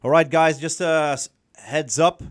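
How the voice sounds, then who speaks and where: A man's voice: a little high, a little slow, no echo, studio quality. A Dutch man with a Dutch accent, whose first language is Dutch, giving a rambling, profane, casual coaching talk on a livestream, full of fillers and restarts. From Netherlands. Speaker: dating coach.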